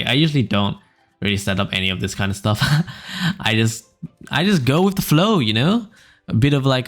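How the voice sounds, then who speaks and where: A young man hosting a casual podcast reads funny stories aloud in a smooth, low voice. He's relaxed and rambling, filling the gaps with frequent fillers and little laughs, while faint music plays in the background.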